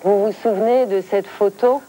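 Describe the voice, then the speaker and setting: A woman hosting a formal TV interview, speaking in measured, eloquent phrases. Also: medium pitch, mellow.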